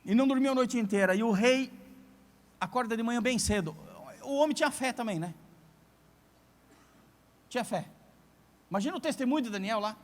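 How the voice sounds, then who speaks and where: High-voiced preacher in a reverberant church. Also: male voice, brisk, long pauses. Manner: lively, storytelling, addresses the congregation directly. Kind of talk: sermon. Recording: long church hall reverb.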